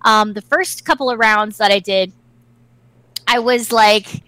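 Brief: chatty storyteller, woman, bright, tense voice, laughs a lot, swears casually, dry close sound. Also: mid-range voice, measured pace, dry recording, rough recording.

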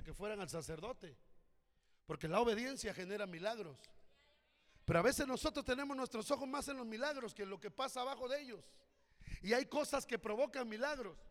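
A man preaching a fervent sermon as pastor, urging his congregation on. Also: very high voice. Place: church hall. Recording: reverberant church hall.

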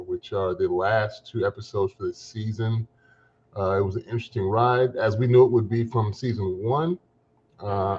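A man's voice: fairly low pitch, darkish tone, dull audio. A man co-hosting a podcast, chatting casually and thinking aloud with many fillers. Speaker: podcast co-host. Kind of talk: casual chat.

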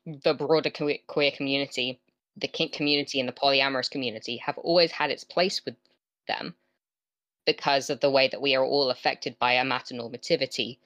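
A woman's voice: extremely low pitch, a bit bright, no echo. A woman with a West Country English accent, chatting casually as a podcast co-host in an informal, emphatic way. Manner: informal, emphatic, peppers talk with "like". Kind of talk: casual chat.

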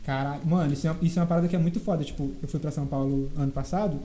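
A young man with a Rio de Janeiro state Brazilian Portuguese accent, chatting casually in slangy, animated style. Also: fairly high pitch, racing. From Brazil, interior of Rio de Janeiro state. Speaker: skateboarder, event organiser, guest. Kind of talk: casual chat.

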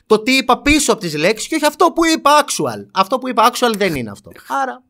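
A young man with a high, very lively voice argues his side in a casual talk, pressing his points and repeating them. He sounds defensive and emphatic as a YouTuber defending his words. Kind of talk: heated casual debate.

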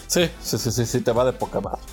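A man with a Mexican accent, co-hosting a casual podcast, relaxed and slangy and often chuckling as he talks. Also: mid-range voice, a little fast, faint music behind. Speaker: podcast co-host.

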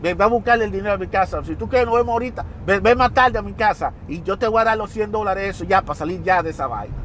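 A man's voice: sits high, brisk, a bit bright, a little hiss or hum. A man voicing José, an indignant male debtor who protests defensively and pities himself. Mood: exasperated. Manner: defensive, self-pitying protest.

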